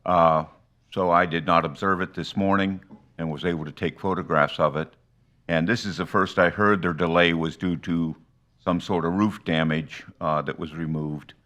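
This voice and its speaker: A man testifying as an inspector at a hearing, halting and factual in his delivery. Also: sits low, steady tone, a bit bright. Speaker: city inspector.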